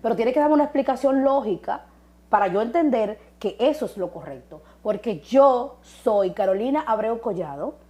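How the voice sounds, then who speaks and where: A woman's voice: a little high, animated, normal speed, warm tone. A woman with a Dominican accent hosting a TV talk show, speaking in an emphatic, insistent way. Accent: Dominican Spanish. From Dominican Republic. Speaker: TV show host.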